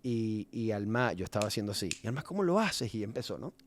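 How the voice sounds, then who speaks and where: A man's voice: lowish voice, fast, a little hiss or hum. A man reflecting on being a father in a casual chat, mixing in English words now and then. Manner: reflective, slips English words into his speech. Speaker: father and musician in a podcast conversation.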